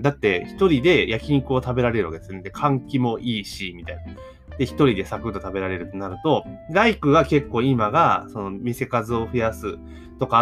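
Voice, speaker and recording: A man hosting a solo podcast, talking casually and thinking aloud, with plenty of fillers and rhetorical questions. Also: medium pitch. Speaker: podcast host.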